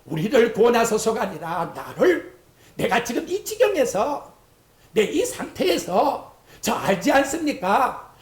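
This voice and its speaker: A fervent preacher delivers a sermon in a church sanctuary, breaking into acted-out prayers and quotes. The pitch swings widely from low murmurs to high cries, and the hall's echo hangs around every phrase. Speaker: pastor. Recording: echoey church hall.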